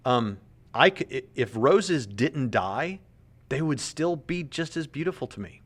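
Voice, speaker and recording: A man in his late thirties comments on a podcast clip for apologetics commentary, earnest and conversational, often repeating words as he reasons aloud. His medium-pitched voice swings widely in pitch and takes an unhurried pace.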